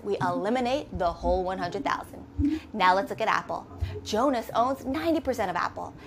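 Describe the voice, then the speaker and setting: A woman accounting instructor with a fairly high pitch narrates a scripted lesson methodically, step by step, posing questions and then answering them herself.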